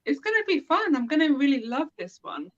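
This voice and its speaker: A woman's voice: high voice, big pitch swings, a little fast, fairly bright tone, highs cut off. A woman from the UK hosting a live web show over a video call, enthusiastic and talking straight to the viewers. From United Kingdom. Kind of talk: upbeat show introduction and interviewing.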